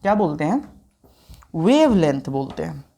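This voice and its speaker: A man teaching a physics class online from home at night, animated and playful, teasing his students and swinging between soft and loud speech. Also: on the high side, unhurried, creaky.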